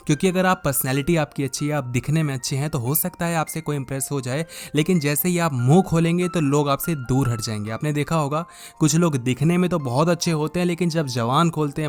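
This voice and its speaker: A young man giving voice tips in a casual tutorial, talking in a put-on presenter voice and humming deep om sounds to demonstrate. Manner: talks in a put-on presenter voice, drawing out key words. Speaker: voice coach vlogger.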